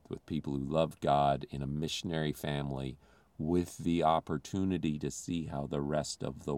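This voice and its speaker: A man with a very deep voice delivers a sermon in an earnest, confessional way. He grew up in the Philippines, and the sound is dry and close. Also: darkish tone, no echo.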